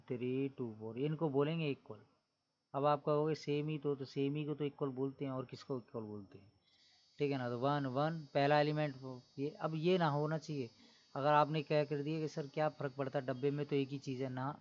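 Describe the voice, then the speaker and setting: A man's voice: mid-range voice, a little mellow, muffled recording. A man teaching maths in a classroom-style lecture, explaining step by step and asking his students questions as he goes. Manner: keeps adding the tag 'theek hai na'.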